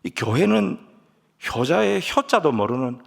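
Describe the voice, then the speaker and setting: A man preaches a sermon in a large church sanctuary, and his voice carries a long reverb through the hall. His delivery is lively and emphatic, dropping to soft near-whispers and then climbing to loud, stressed lines. Now and then he leads the congregation in reading scripture aloud. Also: a little high, a little slow, vocal fry. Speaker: pastor.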